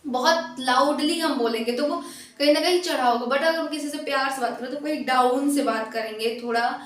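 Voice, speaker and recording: A woman's voice: high voice, brisk, recorded from a distance. A woman teacher giving an exam prep lesson, explaining step by step, repeating key terms and correcting herself as she goes. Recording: echoey room, voice set back from the mic.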